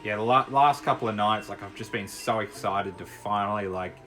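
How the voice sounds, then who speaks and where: A man's voice: fairly low pitch, fairly quick, bright, forceful tone. Chatty guy over game music. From Australia. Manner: chatty, rambling, laughs easily, sings to himself. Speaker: gaming YouTuber. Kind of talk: casual commentary while playing. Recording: faint music behind.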